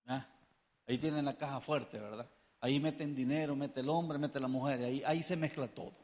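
A man's voice: mid-range voice, steady tone, brisk, darkish tone. A man preaching a sermon. He calls his listeners brother and fires rhetorical questions between joking asides. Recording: echoey hall with long reverb.

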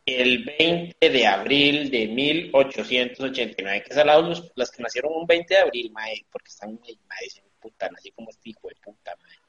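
A Costa Rican man hosts a comedy podcast, cracking crude jokes as he half-reads a mock lecture. His voice sits at a middle pitch, and the recording has a dull, lo-fi sound. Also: lively intonation, moderate pace, fairly bright tone, roomy sound. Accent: Costa Rican Spanish. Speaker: podcast host. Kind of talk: casual comedic podcast chat.

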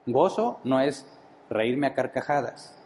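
A man's voice: mid-range voice, sing-song, slow, darkish tone, poor audio. A man preaching a sermon-style teaching, often asking his listeners rhetorical questions.

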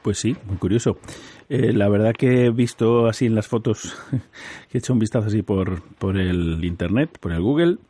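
Guy hosting radio, mellow and a bit husky, chatty explainer, laughs often. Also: on the low side, normal speed. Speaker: radio host. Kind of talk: casual radio chat.

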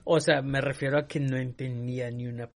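Northern Mexican man, podcast co-host, slangy, animated storyteller, mid pitch. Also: a little fast, gravelly. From Monterrey, Mexico. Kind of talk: casual podcast chat.

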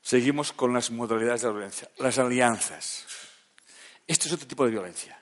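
The man lectures as a therapist at a slightly quick clip, keeping it conversational and checking in on whether people follow. Quiet, low passages give way to forceful, loud bursts.

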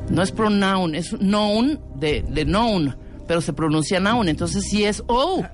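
A woman's voice: mid-range voice, animated, takes it slowly, faint music behind. A Mexican woman in casual chat, joking around and stumbling as she spells words aloud letter by letter.

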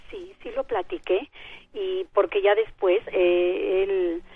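An older woman with a Mexican accent rambles through a heartfelt story over the phone. Her voice is husky and slightly breathy. The tinny, narrow phone line makes her sound far off from the studio. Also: mid-range voice, takes it slowly, no echo. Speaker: caller. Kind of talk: call-in radio conversation. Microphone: telephone.

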